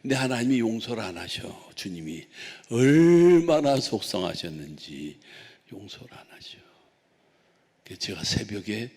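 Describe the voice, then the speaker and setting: Male pastor, storytelling sermon, lively pitch swings, long hall reverb. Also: normal speed, vocal fry, breathy edge. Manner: animated storytelling, acting out dialogue.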